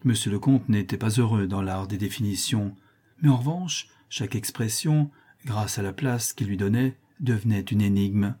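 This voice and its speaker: A man reading a classic novel aloud as an audiobook, steady and deliberate. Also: lowish voice, slightly rough. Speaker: audiobook reader. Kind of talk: scripted narration of a classic novel.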